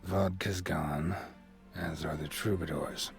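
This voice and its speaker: An actor voicing a gruff, dry-witted male monster hunter in a video game, terse and deadpan. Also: deep voice, slow pace, faint music behind, heavily acted.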